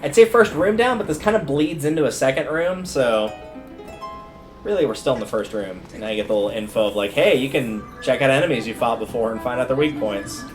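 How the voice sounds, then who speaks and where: A man with a medium-pitched voice talks briskly as a game livestreamer, giving casual live commentary and thinking aloud in colloquial language, with video game music playing in the background.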